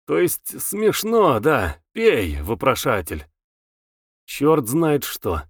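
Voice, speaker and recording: A man voicing a stern, gruff man who speaks bluntly and harshly. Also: mid-range voice, wildly swooping pitch, very slow, dry recording, studio quality, heavily acted. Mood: bitter.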